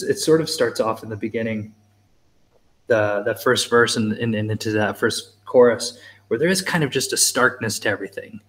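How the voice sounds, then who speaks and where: A man's voice: medium pitch, fairly bright tone. Hesitant man thinking aloud about music. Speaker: co-host. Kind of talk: casual music review chat.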